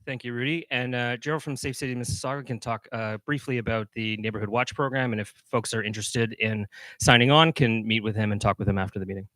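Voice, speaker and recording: A man's voice: mid-range voice, steady tone, quick pace, sharp tone. A man hosting a community meeting, briefly introducing the speakers. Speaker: meeting host.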